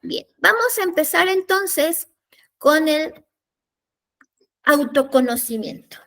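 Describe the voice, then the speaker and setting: A woman leading a parenting workshop. She explains step by step and keeps checking in with her listeners through quick tag questions. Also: high-pitched, lively intonation, a bit bright. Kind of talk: workshop lecture.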